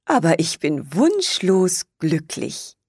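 A woman voicing a kindly old man in a storybook, speaking slowly and gently. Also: low voice, huge pitch swings, slightly rough, no echo, clean studio sound, heavily acted. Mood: gentle. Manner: gentle, slow and soft.

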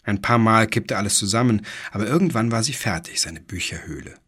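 A man narrating a children's story in a calm, unhurried way. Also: fairly low pitch, slightly rough. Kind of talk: storybook reading.

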